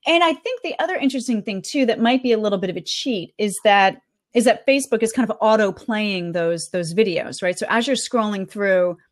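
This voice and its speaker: A woman talking casually as a podcast guest. She is chatty and animated, often stops to laugh or search for a word, and her voice sits in an ordinary middle range. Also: mid-range voice, fairly quick. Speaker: guest reporting on a marketing conference.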